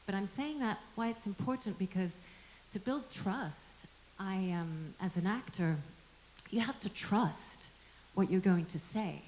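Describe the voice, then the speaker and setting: A woman's voice: medium pitch, a little slow, a little mellow, a little hiss or hum, low-quality recording. A woman, an actor, speaking on a discussion panel, reflective and searching for her words as she goes.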